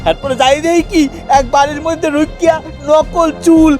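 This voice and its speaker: Man doing a sly brother, very high sing-song voice, music under it. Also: steady tone, normal speed, a little mellow. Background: background music.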